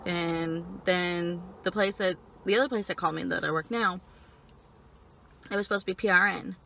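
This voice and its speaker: Young woman, bright forward voice, chewing while talking, casual storytelling, stop-and-start phrasing, faint background hum. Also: fairly low pitch, fairly even intonation, gravelly. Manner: chatting while eating, chewing between phrases; frequent filler "like", halting stop-and-start phrasing. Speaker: vlogger. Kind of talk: casual personal storytelling chat.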